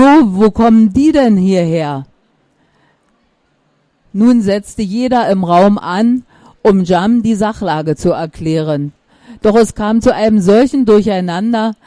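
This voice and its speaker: A woman reading a children's story aloud in a calm storytelling manner. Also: medium pitch, no echo.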